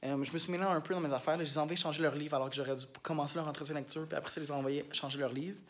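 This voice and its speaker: A man's voice: on the high side, steady tone, rapid-fire, fairly bright tone. Chatty Québécois man vlogging his teaching day. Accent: Québécois French. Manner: candid, rambling, heavy on fillers. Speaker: elementary school teacher. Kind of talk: casual vlog diary.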